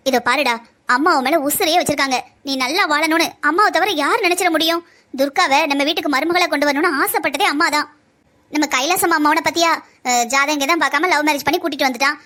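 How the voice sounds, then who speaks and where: A woman voicing a sharp-tongued, scheming young woman who pushes and coaxes her family in a cartoon drama. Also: sits high, quick pace. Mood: coaxing. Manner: pushy, coaxing.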